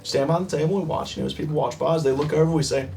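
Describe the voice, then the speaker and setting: A man's voice: fairly high pitch, fairly even intonation, rapid-fire, creaky, distant mic, heavy background noise. A man narrating as game master in a chatty, easygoing way, laughing easily and often restarting his sentences. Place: home streaming setup.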